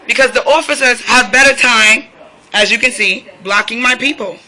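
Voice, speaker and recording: A woman's voice: fairly high pitch, moderate pace, sharp tone. A woman filming from inside an apartment, speaking agitatedly, firing rhetorical questions and turning to address officers directly. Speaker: resident filming a police standoff. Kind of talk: live self-recorded protest commentary. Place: indoors in an apartment.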